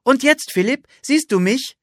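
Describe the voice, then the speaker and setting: Excited young girl, as a male reader puts her on, high-pitched, insistent, storybook. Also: normal speed, no echo, studio quality, exaggerated voice. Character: eager, imaginative young girl.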